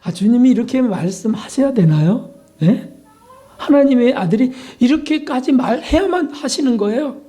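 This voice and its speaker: A man's voice: extremely high pitch, animated, normal speed, warm tone. A male pastor preaching a sermon with emphatic, dramatic questions.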